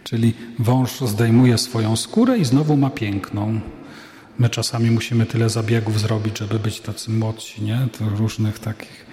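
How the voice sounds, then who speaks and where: A man, a priest, giving an unhurried, conversational sermon-like talk with casual asides. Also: fairly low pitch, fairly even intonation, warm tone. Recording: echoey hall.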